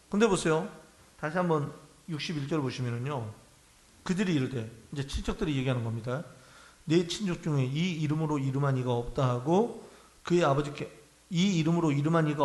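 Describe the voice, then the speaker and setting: Male pastor with a high voice, conversational sermon delivery, recorded in a reverberant church. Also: fairly bright tone. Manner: conversational preaching, asks the congregation questions. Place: church sanctuary. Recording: echoey church hall.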